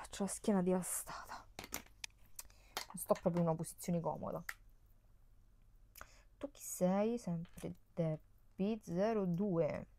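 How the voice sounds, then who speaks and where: Giovane donna romana, voce grave e roca. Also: female voice, fairly low pitch, vocal fry, warm tone. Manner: chatty, exclamatory, laughs often. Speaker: beauty vlogger. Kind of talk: casual chat while decluttering makeup. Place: indoors at home, on a bed. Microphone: camera mic, face off-screen.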